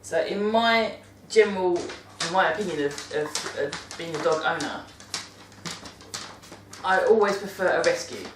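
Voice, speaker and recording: In an unhurried, lowish voice, a British woman talks informally about caring for dogs for her monthly vlog. She rambles chattily and keeps revising her sentences as she goes. Background noise and a roomy, distant-mic sound are audible.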